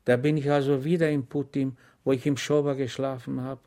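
A man voicing a good-natured, stubborn simple soldier who speaks in a calm, earnest, dignified way. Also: medium pitch, brisk, pitched above the performer's own voice, lightly acted. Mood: dismayed.

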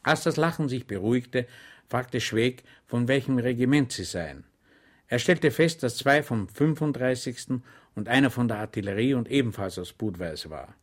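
A man's voice: mid-range voice, animated, moderate pace. Man reading a comic novel aloud. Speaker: audiobook reader. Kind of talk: scripted narration of a comic novel.

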